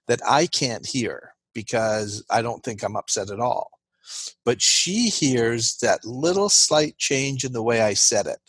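A man's voice: mid-range voice, breathy edge, dry recording. A man giving an interview as a guest expert, explaining earnestly and checking in with "right?" as he goes.

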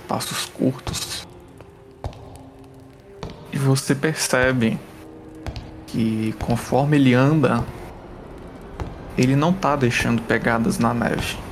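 Male storyteller, slow and gravelly, suspenseful, with music clearly heard under him. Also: mid-range voice, steady tone. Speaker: podcast co-host. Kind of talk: telling a ghost story.

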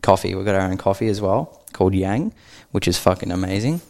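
A man's voice: low voice, animated, brisk, darkish tone. An Australian man, a gym co-founder and podcast guest, chatting in a laid-back way and swearing freely. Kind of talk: casual podcast chat.

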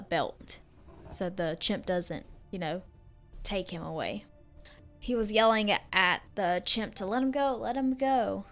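Woman casually retelling a story. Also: medium pitch. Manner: retells a story with fillers, acts out shouted quotes. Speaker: podcast co-host.

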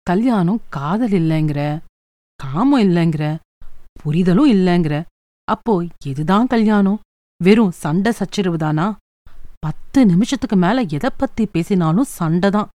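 A woman's voice: on the low side, animated, measured pace, mellow, dry recording, studio quality. A woman voicing a frustrated young married woman who complains in a sulky, exasperated way in a storybook reading.

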